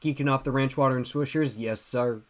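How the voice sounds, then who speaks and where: A man's voice: mid-range voice, fairly even intonation, brisk. Laid-back tipsy young man chatting. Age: 20s. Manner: laid-back, slangy, repeats phrases. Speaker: livestream host. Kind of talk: casual livestream chat reading viewer questions.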